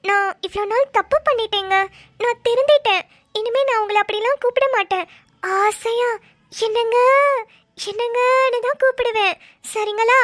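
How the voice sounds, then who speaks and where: A woman's voice: very high-pitched, normal speed, fairly bright tone. A woman voicing a mischievous young wife in a cartoon, sly and speaking in a sugary mock-sweet way. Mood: playful.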